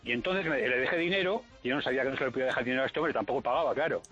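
A man calling a radio show, telling a story with halting, repeated starts. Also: medium pitch, a bit bright, slightly rough, highs cut off, faint music behind. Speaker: caller. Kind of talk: telling an anecdote on a call-in show.

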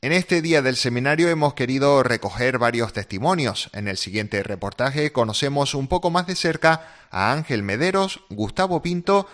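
A man's voice: mid-range voice, animated, fairly bright tone. Formal Canarian radio newsreader man. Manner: measured, formal delivery. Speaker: radio presenter. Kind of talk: scripted radio news reading.

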